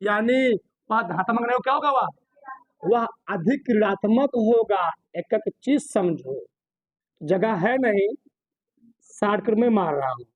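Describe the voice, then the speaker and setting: An expressive man with a high-pitched voice delivers a classroom chemistry lecture in Hindi at an unhurried pace, with no room sound. He poses question after question to his students, answers each himself, and repeats the key terms to stress them.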